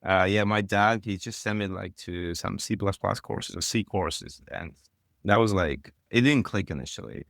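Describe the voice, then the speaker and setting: Guest: middle-aged man from Kazakhstan, low voice, rambling filler-heavy delivery, dry close sound. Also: moderate pace, gravelly, fairly bright tone, dry recording. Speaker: podcast guest. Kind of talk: casual interview talk.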